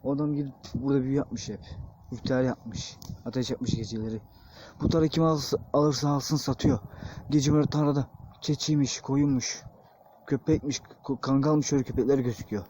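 Jittery man muttering in a dark field. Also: mid-range voice, fairly even intonation, brisk. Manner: frightened, muttering prayers and curses under his breath. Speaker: paranormal vlogger. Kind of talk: night-time ghost-hunting vlog. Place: open field at night, outdoors. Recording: noisy outdoor night recording.

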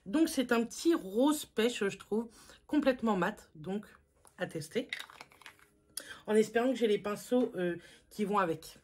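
A woman's voice: medium pitch, unhurried, pauses often, darkish tone. A woman beauty vlogger talking casually through a makeup haul at home, chatty and self-mocking, with lots of fillers.

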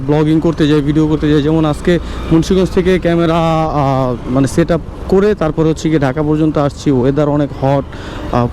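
A man's voice: high-pitched, mellow. A man with a Bangladeshi accent giving casual motovlog commentary outdoors as he rides, often padding his explanations with filler phrases. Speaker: motorcycle vlogger. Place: outdoors, riding a motorbike on city roads. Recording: clear road and traffic noise.

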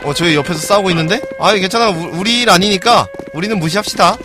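A man streaming a game live and commenting as he plays, excitable, swearing and yelling at other players. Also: sits high, quick pace, over music.

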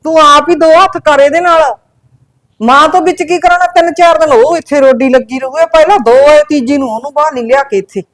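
A woman's voice: high-pitched, quick pace, close to an everyday voice. A woman playing a scheming, complaining older mother-in-law in a family drama. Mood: goading. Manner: grumbling, stirring up trouble.

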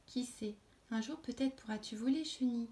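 Papillon de conte, mystérieux, voix chuchotée et douce, jouée par une femme. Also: female voice, on the high side, normal speed, roomy sound, natural voice. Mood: mysterious. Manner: hushed, mysterious. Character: mysterious gentle butterfly, soothing.

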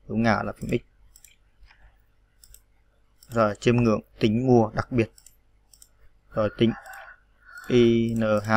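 A man's voice: mid-range voice, gravelly. A man narrating a screen-recorded typing tutorial, patiently spelling out letters one by one with many fillers.

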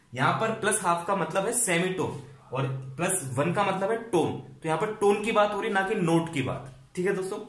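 A man's voice: a little high, fairly bright tone, roomy sound. Patient man teaching music theory. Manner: patient, repeats and checks understanding.

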